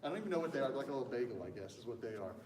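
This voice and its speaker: A man's voice: medium pitch, animated, rapid-fire, darkish tone. A man preaching a casual sermon, telling stories in a chatty way and joking with the congregation. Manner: chatty storyteller, acts out quotes. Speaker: pastor. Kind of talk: casual sermon with audience banter. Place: church sanctuary. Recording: echoey church hall from a distance.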